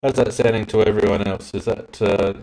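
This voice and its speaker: A man's voice: on the low side, a little fast, gravelly. A man co-hosting a football chat over a remote call, his voice breaking up into crackly, robotic stream audio as he checks whether the connection sounds better. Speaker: podcast co-host.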